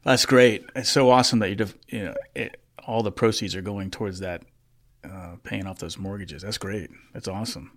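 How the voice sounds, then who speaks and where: A man in his fifties hosts an interview podcast, talking through his reflections with rambling enthusiasm. His voice sits on the low side. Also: moderate pace. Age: 50s. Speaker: podcast host.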